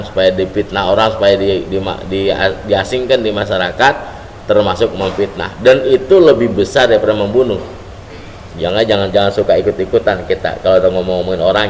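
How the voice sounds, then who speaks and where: A man preaching a humorous sermon, telling stories in casual slang. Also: fairly low pitch. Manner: joking storyteller, colloquial slang. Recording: reverberant hall, faint background noise.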